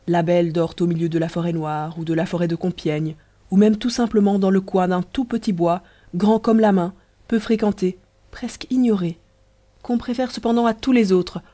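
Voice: mid-range voice, mellow. Narrateur de livre audio au timbre feutré. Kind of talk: scripted narration of a story.

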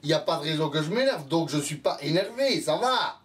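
A man's voice: fairly high pitch, brisk. A man with a Belgian French accent in a comic sketch, denying he is annoyed while his voice rises. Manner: insists he is calm while growing louder, ends shouting. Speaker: comedian in a sketch. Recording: distant mic with audience crowd noise.

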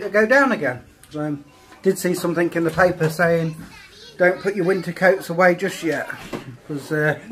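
Rough audio captures a man with a slightly high voice in an easygoing home vlog, rambling to his viewers about feeding his kids. He films on a phone at arm's length in a small kitchen and living room.

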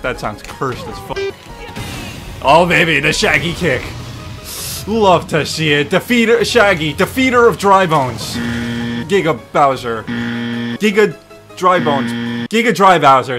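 A man giving excited, casual video game commentary, exclaiming and swearing freely as he plays. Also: a little high. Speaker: gaming streamer.

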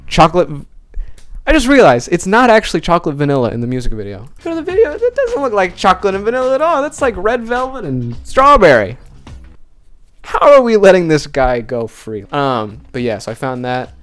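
This video creator is a young Finnish-born man with a high, brisk voice. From a small bedroom, speaking up close into a handheld dynamic mic, he walks through his video edit in a loose, joking tutorial vlog, animated and chatty throughout.

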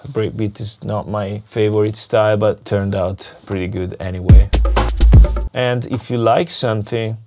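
A man with a cold, whose voice is giving out, teaches music production through a screen-recorded software tutorial. Fairly low in pitch, he stays relaxed and narrates his thoughts while clicking through. He's miked with a lapel mic in a dim little home studio, with the session's music clearly playing beneath him.

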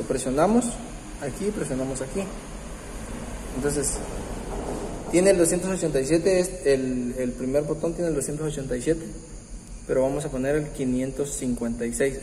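A man hosting a keyboard tutorial, explaining step by step in a patient, halting way with many pauses and restarts. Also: mid-range voice, slight background noise. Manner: warm, patient, uses religious greeting. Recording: roomy, echoey room with long reverb. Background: faint keyboard music.

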